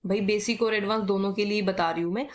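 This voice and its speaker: A woman's voice: mid-range voice, steady tone. A woman with a North Indian Hindi accent teaching typing in a casual spoken tutorial, repeating her points and checking in often. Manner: repetitive, checks in with "ठीक है"; spells letters out slowly.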